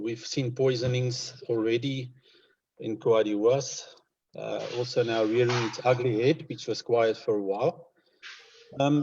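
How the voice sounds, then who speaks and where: A man with a Namibian accent speaking as a conservationist in an informal interview, in a hesitant, measured and concerned manner. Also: mid-range voice, warm tone, a little hiss or hum. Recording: dull lo-fi online call audio.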